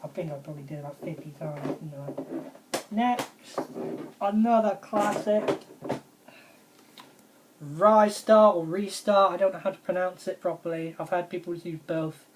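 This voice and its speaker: Low-voiced enthusiastic woman. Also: normal speed, background noise. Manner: enthusiastic, rambling, repeats praise. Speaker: video game vlogger. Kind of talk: casual video game review vlog.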